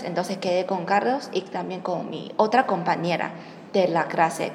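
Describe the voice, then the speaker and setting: Speaking in a mid-range voice with a darkish tone, a young Chinese woman shares a personal story as an interviewee in a language other than her native Chinese. She hesitates, hunts for words and corrects herself as she goes. The recording is from an echoey hall, with faint noise in the background.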